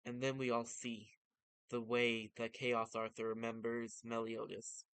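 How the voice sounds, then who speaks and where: A man's voice: medium pitch, completely flat delivery, measured pace, a bit bright, clear, resonant tone, no room sound, low-quality recording. A man narrating and commenting on a story in a casual, informal way, like an enthusiastic fan. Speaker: vtuber reading and commenting on manga.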